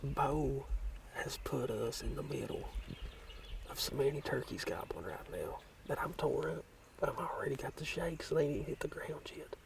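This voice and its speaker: A man whispering breathily and creakily to camera during a hunt. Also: on the high side, normal speed, a little hiss or hum. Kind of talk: hushed whispering to camera while hunting. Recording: distant outdoor field recording.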